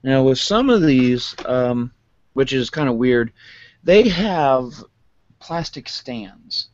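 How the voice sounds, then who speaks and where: A man with a self-described monotone voice chatting casually through a toy unboxing, rambling with lots of fillers. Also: medium pitch, slow pace, no echo, highs cut off. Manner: rambling, many fillers, calls own voice monotone. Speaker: vlogger.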